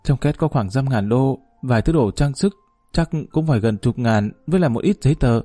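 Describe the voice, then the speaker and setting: A man's voice: medium pitch, expressive, fairly quick, mellow, dry recording, soft background music, natural voice. Give me a man playing a scorned young woman, cutting and fierce, in a dry, close story reading. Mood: distraught. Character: fiery scorned young woman, sharp-tongued.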